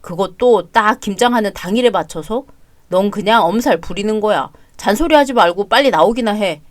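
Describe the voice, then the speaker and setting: A woman's voice: medium pitch, normal speed, no echo, voice pushed down, natural voice. A woman voicing a selfish, lazy young husband in an audio drama story, talking in a dismissive, whiny way.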